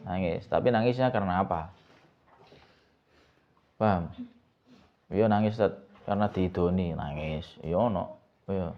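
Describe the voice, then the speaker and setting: Ustaz teaching a kitab class. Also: male voice, deep voice, muffled recording. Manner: asks students questions over and over, mixes in Javanese words. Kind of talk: Islamic pesantren lesson, reading Arabic text and explaining.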